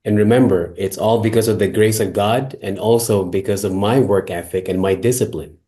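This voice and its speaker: A man from the Philippines, a guest telling his own story in a measured way. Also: on the low side, dark tone.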